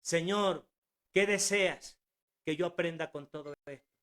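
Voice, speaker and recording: A man's voice: fairly high pitch, unhurried, fairly bright tone. A man in his sixties preaching a sermon at home, earnest and exhorting, with rhetorical questions and repetition. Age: 60s.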